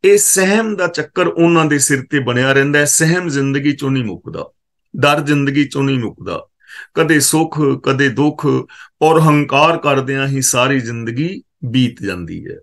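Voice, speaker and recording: A man giving a katha exposition of scripture, reciting verses slowly and then explaining them word by word, and correcting how the verse words should be pronounced. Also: fairly high pitch, fairly bright tone. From Punjab, India. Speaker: scripture teacher.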